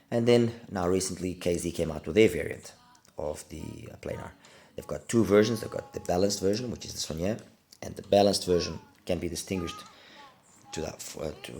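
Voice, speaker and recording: A middle-aged man from Portugal reviews audio gear in a deep, darkish voice, speaking a little fast. He sounds congested from a cold, and his review is casual and hesitant, with words repeated for emphasis.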